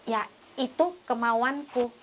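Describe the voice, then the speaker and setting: A woman's voice: a little high, slow, fairly bright tone, slight background noise. A woman giving an earnest, emotional testimony, pleading as she acts out her own prayers and conversations. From North Sumatra, Indonesia.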